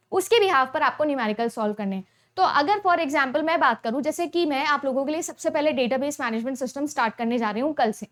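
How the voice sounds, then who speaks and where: High-voiced woman teaching. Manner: explains step by step, often checks in with the listener. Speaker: online exam-prep teacher. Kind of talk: Hindi-English mixed lecture.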